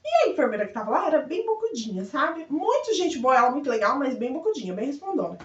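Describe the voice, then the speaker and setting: A young woman telling a personal story in a lively way, acting out the voices of the people in it and laughing often. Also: high voice, fast talker. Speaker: vlogger. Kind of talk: casual storytelling. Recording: echoey room heard from a distance, dull sound.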